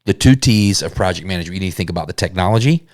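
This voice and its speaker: A man with a fairly low voice hosts a solo business show, earnest and conversational, now and then stumbling and restarting a phrase. The sound is close and dry, with no room echo at all. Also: expressive, rapid-fire, darkish tone. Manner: earnest, conversational, with self-corrections. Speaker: podcast host.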